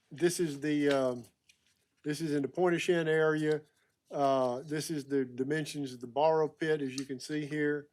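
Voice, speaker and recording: A man presenting permit items at a public meeting, halting with many fillers and clearing his throat often. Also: a little high, darkish tone.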